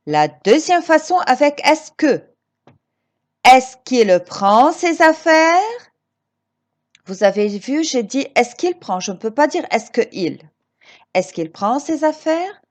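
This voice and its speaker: A woman teaching grammar to children, slow and emphatic, repeating each example and encouraging her pupils with questions. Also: high-pitched, very animated. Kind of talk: recorded grammar lesson for children.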